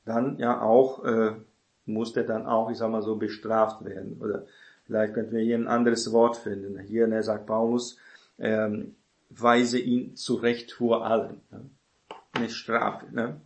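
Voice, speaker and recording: Mann, lockere Bibellehre in hallendem Raum. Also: male voice, lowish voice, flat delivery, measured pace, gravelly, echoey room. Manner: conversational, frequent tag questions, acts out quoted voices. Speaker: preacher teaching on church elders. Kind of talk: informal Bible teaching.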